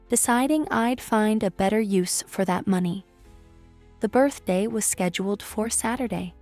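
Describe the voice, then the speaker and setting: A woman reading a first-person story in a calm, measured narration. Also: mid-range voice.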